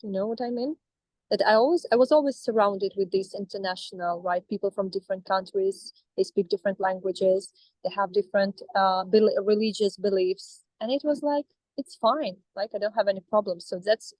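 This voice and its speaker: A young woman from Astrakhan, Russia, speaks with a Russian accent over a video call as a coaching client, talking casually and reflectively. Her mid-range, darkish voice moves a little fast, hesitant with many fillers and restarts. The audio is poor but has no echo.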